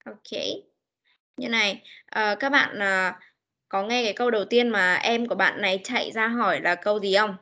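A woman teaching children English in an online class with a Northern Vietnamese accent, coaxing answers and spelling words out slowly. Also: mid-range voice, sharp tone. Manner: coaxing, repeats questions, spells letters slowly. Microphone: video call. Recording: dull lo-fi meeting recording.

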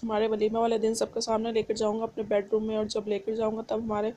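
Teasing young husband in a storybook romance, read by a woman, playful and bossy, fairly high voice, flat even delivery, mellow tone. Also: fast talker, lightly acted.

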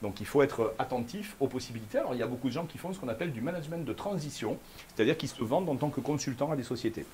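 A man speaking fast at a live conference keynote, pitch right in the middle of the range, firing questions at the crowd as he goes. A faint hiss of noise sits under his voice in the room. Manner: fast, lively, addresses the audience directly with questions. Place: conference room before an audience.

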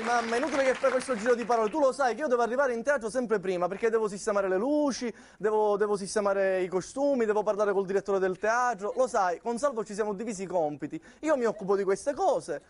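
A man's voice: sits high, slight background noise. A Sicilian man in his thirties on a theatre stage, doing a comic one-sided phone call in an anxious, placating manner. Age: 30s. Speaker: comedian.

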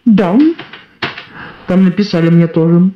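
A woman's voice: lowish voice, fairly even intonation, measured pace. A woman at home teasing and prompting her grandmother, heard on an old worn home tape. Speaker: relative at home. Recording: muffled hissy echoey old tape.

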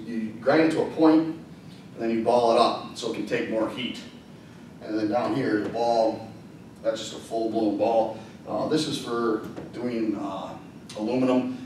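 The welding instructor, a man in his thirties, speaks in a lowish, darkish voice while lecturing casually at the whiteboard, peppered with ums and uhs. The far camera captures an echoey classroom and slight background noise.

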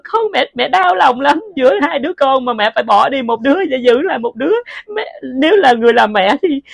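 Woman acting as a grieving mother, pleading, halting, repeats herself, somewhat high, dry close sound. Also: gravelly, dry recording. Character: grieving mother begging her dead daughter's forgiveness.

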